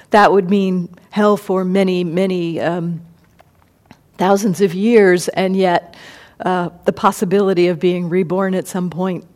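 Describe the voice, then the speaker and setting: A woman meditation teacher giving a dharma talk, thoughtful and unhurried, pausing and restarting as she explains. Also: fairly low pitch, darkish tone. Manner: thoughtful, many fillers and restarts. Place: meditation hall.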